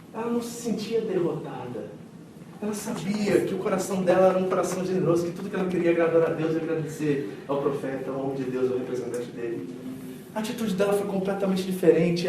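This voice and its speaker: A high-voiced man preaches, telling the story with vivid acted-out quotes and swinging from loud to hushed. His voice rings through a large echoing church hall, picked up from some distance with faint room ambience behind. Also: background noise. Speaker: pastor. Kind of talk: sermon. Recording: echoey hall miked from a distance.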